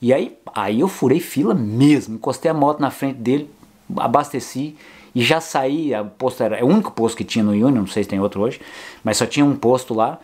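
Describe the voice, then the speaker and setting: An older man from Brazil tells his motorcycle travel stories straight to camera, animated and full of jokes. His voice sits at an ordinary middle pitch, and he talks in a loose, colloquial way. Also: a little fast. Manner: animated, jokey, colloquial storytelling. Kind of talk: casual storytelling to camera.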